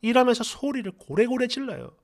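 A woman's voice: a little high, brisk. A woman reading viewer comments aloud for a story channel, with brash, slangy, mocking remarks. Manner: lively, animated delivery.

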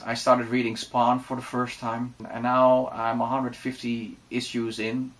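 A Dutch man in his forties with a Dutch accent, chatting relaxed and casually to camera with many fillers in a room lined with bookshelves. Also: medium pitch. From Netherlands. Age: 40s. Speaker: vlogger. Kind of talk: casual vlog talk to camera.

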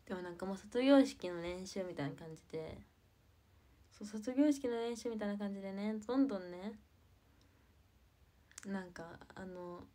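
A teenage girl with a soft, quiet voice, chatting casually on a livestream, rambling with many fillers and giggles. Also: mid-range voice, moderate pace, pauses often. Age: teens. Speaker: idol livestreamer.

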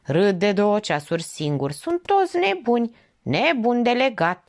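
A woman's voice: mid-range voice, big pitch swings. A woman voicing a sardonic male veterinarian who mocks everyone around him, reading him in an audiobook. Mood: scornful. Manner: mocking, scathing outbursts.

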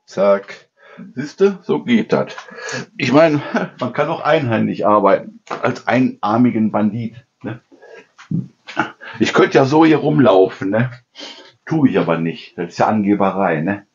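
A man's voice: fairly low pitch, animated, measured pace, pauses often. A middle-aged man talks in a loose, rambling home-kitchen chat. He keeps tagging his sentences with a questioning "ne?" and slips into little imitations of other people. The sound is slightly muffled and lo-fi. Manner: chatty storyteller, constant "ne?" tags, mimics people. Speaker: cooking channel host. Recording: dull lo-fi sound.

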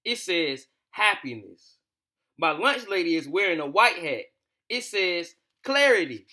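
Hosting a bedtime story reading for children, a young American man talks to listeners informally and with slang, as if they're old friends, mixing chat with the storybook. His high-sitting voice is sing-song, unhurried, bright and forceful. The small home room echoes, and the camera mic sits at a distance.

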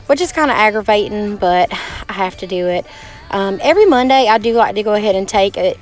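A woman's voice: mid-range voice, low-quality recording. Chatty Southern woman cleaning her kitchen. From Georgia, US. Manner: chatty, folksy, talks to viewers while doing chores. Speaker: cleaning vlogger. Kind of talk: casual chat while cleaning. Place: small kitchen and living room of a trailer home.

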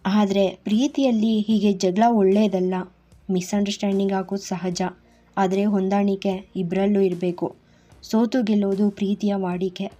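A woman voicing a gentle, worried middle-aged mother who gives soft, coaxing advice. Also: medium pitch, flat delivery, normal speed, muffled recording, soft background music, natural voice.

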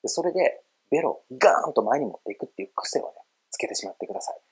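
In this roughly recorded casual video, a middle-aged man teaches English pronunciation at a very fast, animated clip. His medium-pitched voice is slightly rough, and he's friendly and explanatory, exaggerating words as he demonstrates them and referring to himself as an old guy.

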